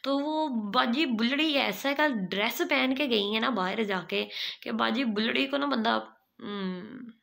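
A woman's voice: on the high side, a little slow, gravelly, a bit bright. A young woman, talking into a phone at arm's length in a small room, mocking and scolding in a sarcastic commentary vlog. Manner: sarcastic, scolding, name-calling. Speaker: vlogger.

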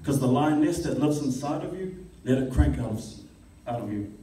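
At an open mic in a classroom with a small audience, a young man performs spoken word poetry in a rhythmic, impassioned way, his intensity rising as he goes. He has a medium-pitched, mellow voice with lively intonation and a moderate pace. He speaks into a stand mic, but the clip is filmed by a distant camera, so the room sounds echoey.

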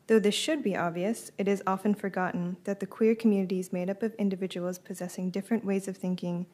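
A young woman reads a prepared text aloud from a lectern. Her voice is dark and mellow, sitting at an average pitch. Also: fairly even intonation, quick pace. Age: young adult. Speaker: translator reading on behalf of author. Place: library meeting room, at a lectern. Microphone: lectern gooseneck microphone.

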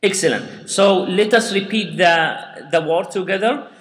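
A man's voice: high-pitched, measured pace, a bit bright. A man teaching Quran recitation step by step, patiently repeating sounds and asking learners to say them after him. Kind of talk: slow step-by-step recitation lesson. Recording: echoey room with long reverb.

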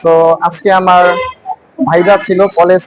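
A young man from Shariatpur, Bangladesh, recounting his exam interview in a halting way, dropping into English with hesitant fillers. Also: high voice, level tone, slight background noise, poor audio. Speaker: exam candidate interviewed after viva. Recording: loud crowd chatter around.

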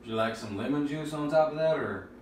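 A man's voice: a little high, fairly quick. A young adult man co-hosting with casual, slangy banter, recorded in a home. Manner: slangy, informal. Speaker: co-host of challenge video. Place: small home kitchen or dining room, indoors. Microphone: camera or phone a few feet away. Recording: echoey room, distant mic, faint noise.

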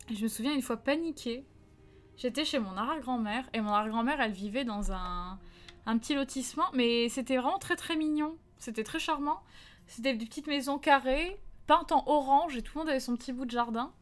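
Une jeune femme, streameuse, raconte une anecdote d'enfance en direct sur un ton familier et vivant, en jouant les répliques. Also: female voice, high voice, a little fast. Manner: lively anecdote-telling, acts out quotes, reads chat. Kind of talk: casual live-stream chat and storytelling.

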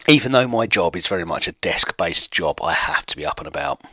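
A deep, lively, fairly quick voice, bright and forceful with a slight roughness, captured in a dry recording. It belongs to a man in his late thirties streaming a football management game at home, casually and self-mockingly chatting and reading viewer comments aloud.

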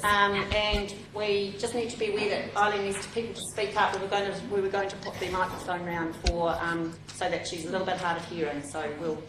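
Speaking a little fast with hardly any pauses and little pitch movement, a woman with a mid-range voice and a New Zealand accent welcomes a group to an education session she organises, chatting informally with many ums and restarts. A far room microphone catches her in an echoey meeting room with heavy background noise.

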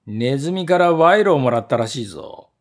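A man doing a gruff, grumbling servant. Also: medium pitch, expressive, a little fast, natural voice. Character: gruff, suspicious male servant.

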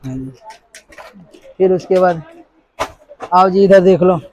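A man in his thirties working as a wholesale shopkeeper, showing goods and listing prices in a brisk, repetitive sales patter inside a crowded shop. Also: high-pitched, darkish tone, highs cut off, a little hiss or hum. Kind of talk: sales pitch to a vlogger. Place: crowded cosmetics shop, indoors.

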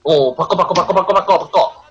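A man's voice: sits high, normal speed, a bit bright, soft background music. A man streaming a racing game live, chattering nonstop with exclamations, teasing and playful swearing. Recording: dull lo-fi stream audio with faint hiss.

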